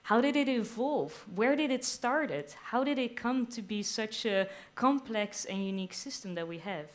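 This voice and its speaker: A young woman with a fairly high voice talks on a live stage, explaining her science to a crowd with enthusiasm. She delivers it as a lively, explanatory talk, with playful little asides. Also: normal speed. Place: live stage at a theater venue.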